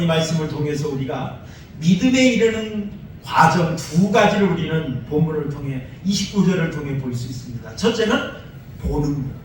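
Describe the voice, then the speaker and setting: A male pastor delivering a sermon with a high, very lively voice, pressing his points with emphatic rhetorical questions. His voice booms through a strongly echoing sanctuary, caught by a distant mic with a faint hiss underneath. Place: church sanctuary. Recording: echoey church hall from afar.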